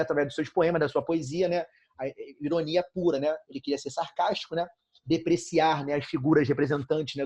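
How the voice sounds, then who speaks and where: A man's voice: on the high side, a little mellow, husky. A Brazilian man teaching an online class from a bedroom at home, talking casually and checking in with "né?" and "tranquilo?". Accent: Brazilian Portuguese. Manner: casual, fillers like "né, cara?" and "tranquilo?".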